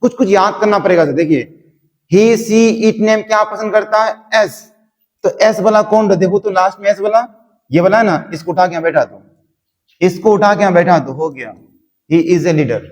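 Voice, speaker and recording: A man teaching a spoken English lesson, repeating words over and over as he drills his class. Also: sits high. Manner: slow, repetitive drilling. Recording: long hall reverb.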